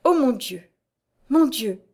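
A woman's voice: a little high, lively intonation, normal speed, pitched above the performer's own voice. A woman reading as a frightened young noblewoman. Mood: despairing. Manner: pleading, distraught. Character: young noblewoman under arrest, frightened and pleading.

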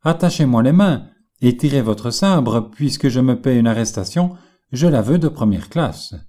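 A man's voice: mid-range voice, animated, normal speed, dark tone, natural voice. A man reading an audiobook, voicing a carefree male travelling painter who answers with ironic, jaunty retorts. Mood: mocking.

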